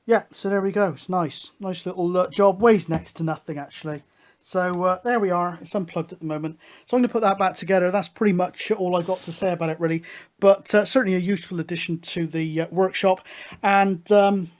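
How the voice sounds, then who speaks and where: A man's voice: high voice, steady tone, brisk. A British man hosting a hobby electronics video, talking through a hands-on demonstration in a chatty, matter-of-fact way.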